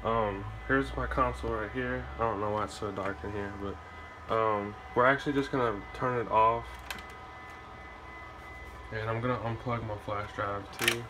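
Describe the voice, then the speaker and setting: A man's voice: lowish voice, steady tone, normal speed, background noise. A man casually walking viewers through a how-to while recording himself on a phone, rambling with lots of ums and uhs. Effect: recorded on a handheld phone camera. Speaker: tutorial maker. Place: dark room at home with the console. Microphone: phone held while filming.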